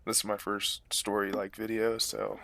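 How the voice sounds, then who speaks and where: A man's voice: lowish voice, completely flat delivery, moderate pace, vocal fry, sharp tone. A man casually telling a personal story to his viewers, rambling and profane, full of fillers and restarts, blunt and boastful. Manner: blunt, boastful, chuckles between lines.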